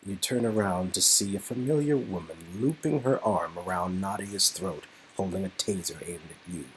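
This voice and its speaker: On a low-quality recording with slight background noise, a man with a low-pitched voice reads an interactive game's dialogue dramatically at a moderate pace. He's animated and improvises, drifting into rambling, joking banter between lines.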